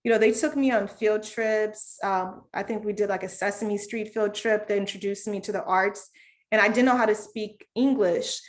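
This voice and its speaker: A woman from Zambia, a children's book author, reading her story aloud and then talking about it on a video call in a relaxed, conversational way. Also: medium pitch, moderate pace. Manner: relaxed, conversational, many fillers. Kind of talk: reading aloud and interview answers.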